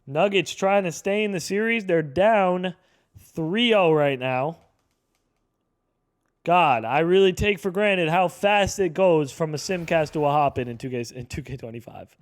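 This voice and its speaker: Young gaming YouTuber, a man in his twenties, slightly high voice, casual play-by-play with excited outbursts. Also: a little slow, dry recording, studio quality. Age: 20s. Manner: excitable, calls plays aloud with sudden shouts. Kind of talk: casual play-by-play game commentary.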